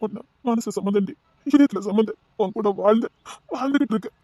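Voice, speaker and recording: A man's voice: high-pitched, fast, warm tone, no room sound, lightly acted. A man voicing a guilt-ridden young man who earnestly urges his beloved to hear his confession, in an audio drama. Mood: urging. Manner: earnest, urging, addresses her intimately.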